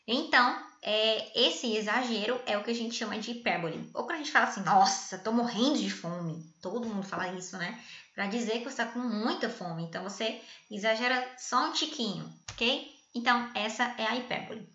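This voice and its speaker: Lady teacher giving a grammar lesson, keeps checking in, kinda high bright voice, muffled lo-fi sound. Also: fairly quick. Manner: chatty, playful, checks in with "tá?" often. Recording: echoey room, dull lo-fi sound.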